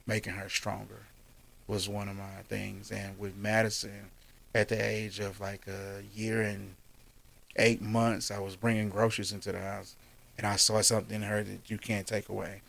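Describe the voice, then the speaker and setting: A man talking as a guest in a casual interview, laid back and calm as he tells his stories. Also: lowish voice, moderate pace, gravelly. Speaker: basketball coach, podcast guest.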